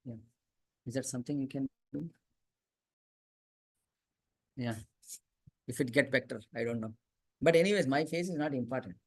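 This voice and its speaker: A man's voice: mid-range voice, brisk. A man with a Telugu Indian accent, a native Telugu speaker, leading an interactive religious class and often checking in with short questions. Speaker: scripture class teacher.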